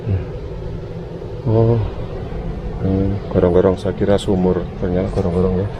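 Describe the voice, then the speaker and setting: A man's voice: low voice, steady tone, unhurried, lo-fi sound. A man narrating a casual exploration vlog to his viewers, talking in a hesitant, uneasy manner. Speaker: vlogger, channel host. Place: outdoors around an overgrown empty house. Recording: noisy outdoor handheld recording, ambient hum.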